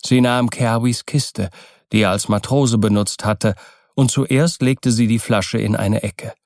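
A man doing scripted narration of an audiobook in a calm, even storytelling manner. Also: fairly low pitch, measured pace, no room sound, clean studio sound.

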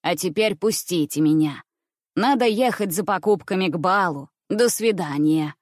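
A woman voicing a kind middle-aged uncle who speaks slowly and softly to the children, in a storybook reading. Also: on the low side, no room sound, clean studio sound, close to an everyday voice. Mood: gentle.

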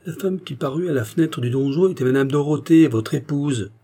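A man voicing a jealous, quarrelsome village man who talks in a sharp, accusing way. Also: fairly low pitch, animated, normal speed, husky.

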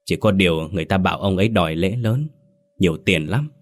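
A man's voice: low-pitched, brisk. A man voicing a timid young wife who speaks hesitantly. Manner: trembling, hesitant.

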